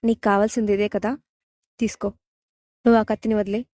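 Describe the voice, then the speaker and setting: A woman reading the part of a calm, controlling young man in a romance audio story, speaking firmly. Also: mid-range voice, brisk, no room sound, studio quality, close to an everyday voice. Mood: resigned. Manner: calm, firm, sometimes shouting.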